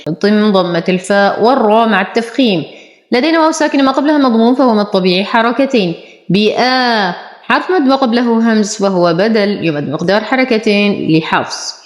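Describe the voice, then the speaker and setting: A woman teaching Quran recitation rules, explaining each letter and then reciting the words slowly and drawn out. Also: a little high, lively intonation, reverberant. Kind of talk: slow tajweed lesson with drawn-out recitation.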